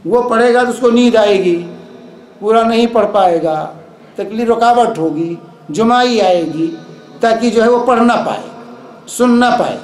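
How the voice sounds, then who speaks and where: Urdu-accented male lecturer, high voice, patient explainer, echoey hall with faint hiss. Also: unhurried. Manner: calm explanatory, repeats points for emphasis. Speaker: Islamic lecturer. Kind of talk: lecture with audience questions.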